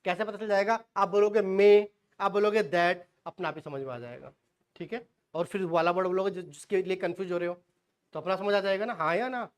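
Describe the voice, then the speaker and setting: Quizzing teacher with homely asides. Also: male voice, high voice, a little fast, smooth. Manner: quizzing, asks and answers his own questions. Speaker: shorthand teacher. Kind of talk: classroom lecture.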